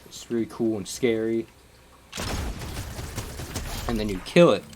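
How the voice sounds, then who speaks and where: A man's voice: lowish voice, measured pace, background noise. A man chatting casually on a live stream, rambling and swearing as he recaps a game, laughing often.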